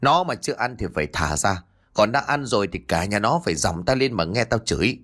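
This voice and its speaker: Man doing a sharp-tongued mother-in-law, shrill cursing, low voice, swinging pitch, storybook. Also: expressive, a little fast.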